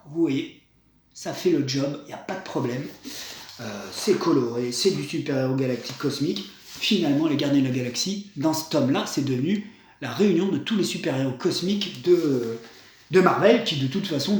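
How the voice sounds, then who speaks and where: Enthusiastic male reviewer, rambling delivery, fairly high voice, strong room echo. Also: a little mellow. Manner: enthusiastic, rambling with many fillers and restarts. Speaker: comics reviewer. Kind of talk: casual review monologue. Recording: very echoey room.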